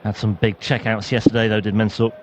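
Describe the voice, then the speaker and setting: A man's voice: fairly low pitch, little pitch movement, a little fast, slight background noise. A man giving live darts commentary as a co-commentator.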